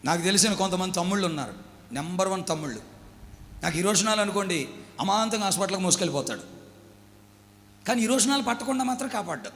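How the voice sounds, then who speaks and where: A man's voice: sits high, lively intonation, fast, pauses often, a bit bright, slight background noise. A male pastor preaching emphatically and calling on the congregation to repeat after him. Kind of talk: sermon. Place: church hall. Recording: long hall reverb.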